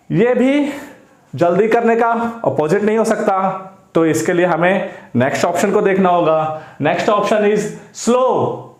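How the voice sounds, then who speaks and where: Man, high-pitched tutor, patient repeating delivery, exam-prep lesson, roomy echo. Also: darkish tone. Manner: explains slowly with repetition, mixing Hindi and English. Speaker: English teacher.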